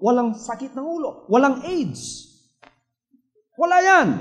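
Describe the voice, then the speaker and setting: High-voiced Filipino preacher, fervent and loud. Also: male voice. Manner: fervent preaching, sudden swings from hushed to shouting; switches between Tagalog and English. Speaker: pastor. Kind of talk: sermon.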